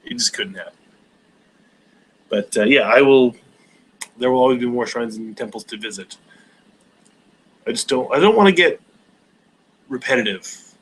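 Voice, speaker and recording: A man's voice: mid-range voice, expressive, normal speed, long pauses, husky, low-quality recording. A man in his forties hosting a casual live stream Q&A, rambling with many hesitations and restarts. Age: 40s.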